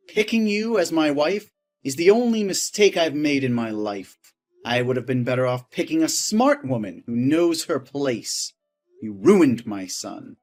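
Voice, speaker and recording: An actor playing a domineering, wealthy husband who talks down to his wife with boastful scorn. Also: mid-range voice. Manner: boastful, scornful, quick to rage.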